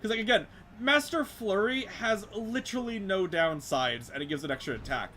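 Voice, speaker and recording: A man's voice: high-pitched, moderate pace, sharp tone, a little hiss or hum. A man casually commenting while playing a video game, chatty and rambling, with lots of fillers and restarts. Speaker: streamer.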